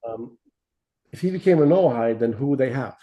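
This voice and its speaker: The recording is muffled, but this man's mid-range voice comes through animated, fairly quick, and warm. Co-hosting a podcast about religion, he rambles casually, keeps restarting, and asks "right?" and "okay?" along the way.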